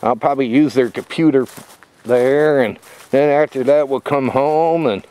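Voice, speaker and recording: A man's voice: mid-range voice, moderate pace, dark tone, clear, resonant tone. A middle-aged man vlogging in a casual ramble with many fillers, walking a wooded trail and filming himself on a handheld camera. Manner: rambling, lots of fillers and restarts; walking while talking. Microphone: phone camera held at arm's length.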